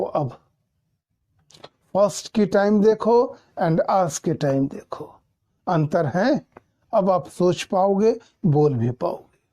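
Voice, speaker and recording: A male English teacher in a doubt-clearing class, explaining patiently and repeating points, often checking that students follow. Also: high voice, mellow.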